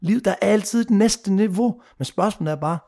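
Passionate swearing Danish-speaking man, fairly high voice. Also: mellow. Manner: passionate, emphatic, swears freely, mixes in English phrases. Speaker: mentor and guest. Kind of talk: casual podcast conversation.

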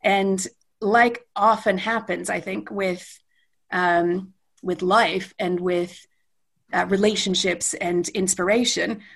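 A middle-aged woman from Western Canada, appearing as a guest, talks slowly and steadily in a medium-pitched voice. It's creaky, slightly rough, and a bit bright. She speaks off the cuff, meandering thoughtfully with many self-corrections.

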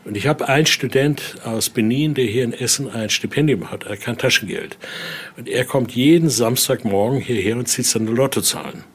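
An older man with an expressive, mid-range voice and moderate pace serves as museum guide and interviewee, explaining and storytelling spontaneously in tour-guide style with frequent little question tags. He's recorded in an indoor exhibition room with clearly noisy room ambience.

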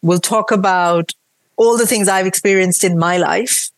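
A woman from India speaks earnestly and reflectively as a guest in a podcast conversation. Her accent blends Indian influences from Mumbai, Bangalore and Kerala with British. Her voice is medium-pitched at a measured pace, and the recording is dry.

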